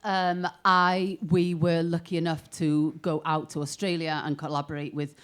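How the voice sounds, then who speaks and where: A Welsh woman who sings in a band chats on a panel, telling stories animatedly, laughing often and restarting her phrases. Her low-pitched voice is smooth and runs at normal speed in this casual panel conversation.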